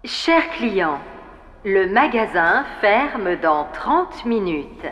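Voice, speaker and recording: A woman reading public announcements in a formal, measured way. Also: mid-range voice, very animated, fairly bright tone, long reverb tail.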